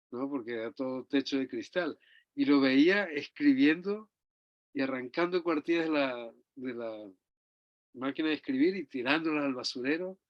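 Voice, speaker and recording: A man's voice: medium pitch, dry recording. An older man from Chile, a guest reminiscing about his parents in a rambling storytelling way, often ending phrases with a tag question. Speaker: interview guest. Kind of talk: reminiscing conversation. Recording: dull, dry close recording.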